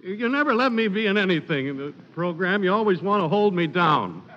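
A man's voice: high-pitched, sing-song, a little fast, bright, forceful tone, exaggerated voice. A man playing a whiny, pleading sidekick in 1940s radio sketch comedy. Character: whiny, pleading male sidekick, a big blubberhead. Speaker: comic sidekick and announcer. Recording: dull, noisy 1940s radio hall recording.

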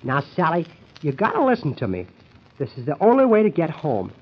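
An impatient, scheming husband in an old radio comedy, bossy and exasperated. His husky voice swings up and down as he cajoles and grumbles. The recording is dull and lo-fi. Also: fairly high pitch, wildly swooping pitch, brisk, heavily acted. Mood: impatient cajoling.

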